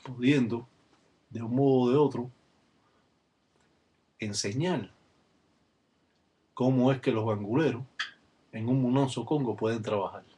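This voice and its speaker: A man talking on a webcam, explaining ritual work in a measured way with frequent "eh" fillers. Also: medium pitch, dark tone, husky.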